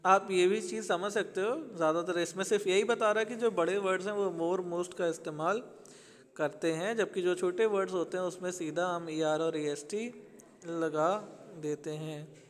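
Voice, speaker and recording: A man's voice: high voice, normal speed. A male English teacher with an Indian accent, patiently explaining a grammar lesson to children and mixing Hindi with English. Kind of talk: recorded classroom lesson. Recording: long reverb, roomy hall.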